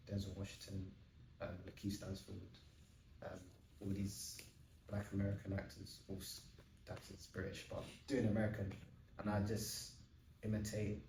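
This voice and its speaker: A young man in relaxed podcast talk, eager and rambling with plenty of "like"s. His voice sits low and mellow. He is picked up from a distance in a roomy space with a faint hiss behind. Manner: chatty, eager, explains at length with many fillers. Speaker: podcast host. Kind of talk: casual podcast chat. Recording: roomy sound from a distant mic.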